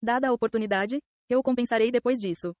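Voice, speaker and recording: Soft-spoken, apologetic young woman, read by a woman narrator, Brazilian accent, brisk pace. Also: no echo, natural voice. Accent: Brazilian Portuguese. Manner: soft, lowered voice.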